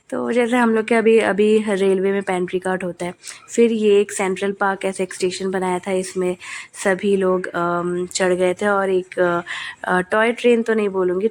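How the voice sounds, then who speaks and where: A young adult woman with a cold, narrating a family vlog in casual chat, with many hesitant fillers. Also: fairly low pitch. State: coughing, has a cold. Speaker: family vlogger.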